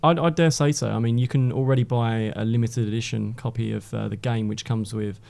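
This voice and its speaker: Gravelly man talking games. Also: medium pitch, steady tone, fairly quick, darkish tone. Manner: eager, restarts phrases often. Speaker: games journalist guest. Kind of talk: casual studio chat. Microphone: studio microphone.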